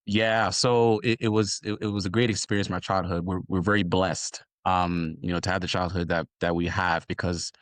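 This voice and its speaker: A man from the United States, a physician guest on a podcast, talking in halting bursts with repeated words and joking asides. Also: sits low, level tone, dry recording. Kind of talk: casual interview chat.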